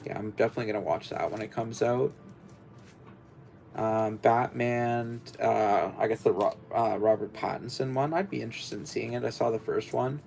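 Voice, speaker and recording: Faint music plays behind a young livestream host who chats while he builds. His deep, gravelly voice is a little mellow and keeps a moderate pace, and he rambles hesitantly with many fillers and restarts.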